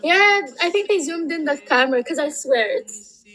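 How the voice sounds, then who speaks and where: Playful, high-voiced woman guest. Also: animated, moderate pace, bright, forceful tone, faint music behind, rough recording. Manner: playful, giggly. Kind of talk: casual livestream chat.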